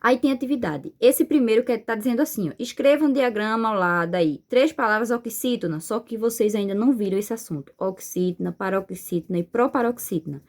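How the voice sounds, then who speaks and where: A woman from Brazil teaching a remote lesson, going over the exercises slowly and patiently and checking in again and again. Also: a little high, a little mellow. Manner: slow, patient, checks in with "certo?".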